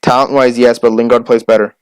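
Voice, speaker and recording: Smooth-voiced young man, podcast co-host. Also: mid-range voice, little pitch movement, a little mellow, no echo. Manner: listing names quickly, argumentative. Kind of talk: casual sports chat.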